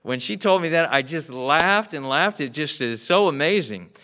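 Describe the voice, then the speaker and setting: Earnest preaching pastor, fairly high voice. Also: male voice, lively intonation, normal speed, sharp tone. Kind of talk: sermon. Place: church sanctuary. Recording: live church stream, voice drifting off mic.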